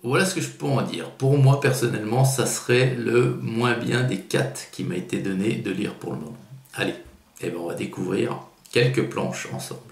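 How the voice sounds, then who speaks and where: A man's voice: fairly low pitch, normal speed, vocal fry. A man giving a casual spoken review of a comic book, hesitant and full of fillers and restarts, often stressing that it is only his own taste. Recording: roomy echo.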